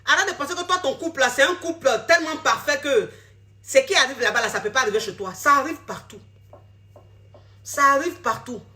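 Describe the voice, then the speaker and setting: A woman's voice: high voice, fairly quick, pushed and bright. A woman coach, talking bluntly and scolding her viewers in a social media video. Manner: blunt, scolding, repeats herself. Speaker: relationship coach. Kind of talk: direct-to-camera social media talk.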